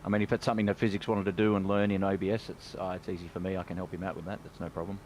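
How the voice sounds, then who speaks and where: A man's voice: deep voice, flat delivery, very fast, a little mellow, a little hiss or hum. A man chatting over a voice call, casually explaining his computer setup. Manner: chatty, explains tech specs, reads chat aloud. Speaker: guest pilot.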